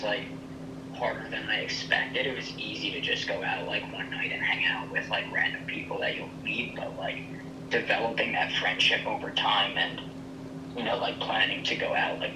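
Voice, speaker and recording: A young man speaking over a phone speaker held up to the microphone, chatting hesitantly with many pauses and fillers. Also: lowish voice, fairly even intonation. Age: young adult. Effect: heard over a phone speaker held to the mic. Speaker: friend called in as guest. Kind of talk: casual phone chat. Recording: distant roomy phone speaker, noisy.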